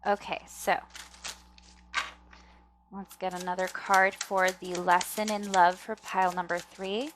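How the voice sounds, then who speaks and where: A woman's voice: on the low side, level tone, a little slow, long pauses, noisy background. Casual woman tarot reader with slightly thick-tongued speech. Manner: chatty, often checks in with "okay?". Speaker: tarot reader and video host. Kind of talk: casual pick-a-card reading to viewers.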